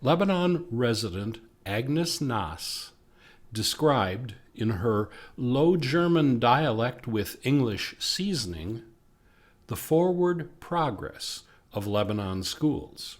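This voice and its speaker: American male narrator for local history, medium pitch, unhurried scripted read. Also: expressive.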